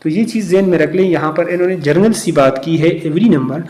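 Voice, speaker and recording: A man going through exam answers as a test prep teacher, explaining step by step with many pauses. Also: a little high, a little mellow. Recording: echoey room.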